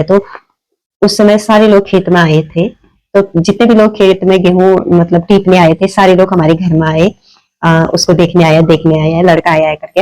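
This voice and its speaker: A woman's voice: on the low side, warm tone, rough recording. A woman in her thirties, sitting at home and speaking to a propped-up phone, telling a long personal story in a casual, rambling way with many fillers and restarts. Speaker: vlogger. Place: at home, seated. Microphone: phone propped in front of her.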